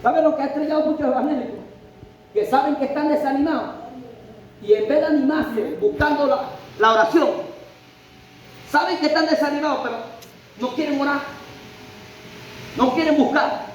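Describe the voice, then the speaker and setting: A man with a very high voice preaches a sermon at a moderate pace, pausing often. He is emphatic, piling up rhetorical questions and returning to a repeated refrain. The recording comes from a very echoey church hall with faint noise.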